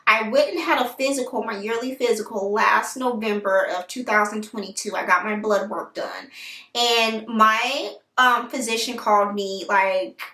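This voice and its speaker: A woman's voice: a little high, moderate pace, far from the mic. Chatty woman vlogger in an echoey room. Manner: chatty, animated, addresses viewers directly. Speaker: hair care vlogger. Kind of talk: casual storytelling to camera. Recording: roomy echo, voice set back from the mic.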